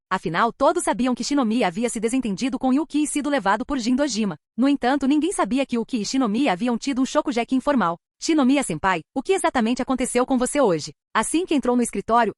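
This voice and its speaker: A woman narrates an audio novel in steady scripted storytelling, with a quick pace. Her voice sits a little high and is recorded dry and close. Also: no echo.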